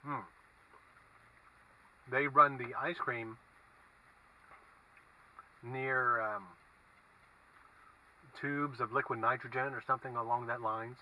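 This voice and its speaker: A man giving a casual food review as he eats, speaking in a halting, musing way inside a car. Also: medium pitch, steady tone, pushed and bright. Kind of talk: casual vlog review, talking while eating. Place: inside a parked car with windows down. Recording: distant mic, faint car and traffic noise.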